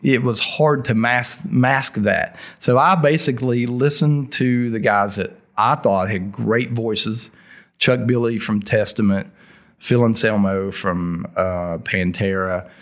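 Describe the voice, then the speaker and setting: A man's voice: lowish voice, steady tone, takes it slowly. A middle-aged man with a thick Southern US accent, telling stories casually in an interview in informal, folksy language. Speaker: interview guest, heavy metal singer.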